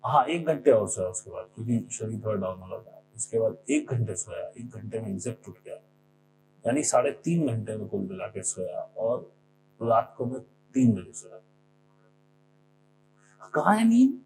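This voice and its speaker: Gravelly-voiced man giving a spiritual talk. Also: lowish voice, normal speed. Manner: conversational, leans on examples from his own life; often mimics what others said. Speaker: spiritual speaker. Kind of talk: informal spiritual discourse. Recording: noisy recording with a steady hum.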